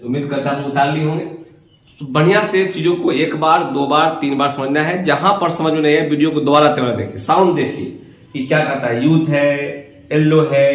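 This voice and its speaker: A man's voice: a little high, distant mic. A man teaching an English class, repeating words and asking the class questions as he drills them. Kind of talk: classroom lesson. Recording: very echoey room, voice from afar.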